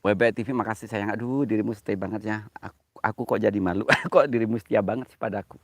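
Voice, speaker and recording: A man's voice: lowish voice, quick pace, no room sound. A man live-streaming outdoors in the rain, out of breath as he climbs a slippery slope, joking, flirting and thanking viewers by name.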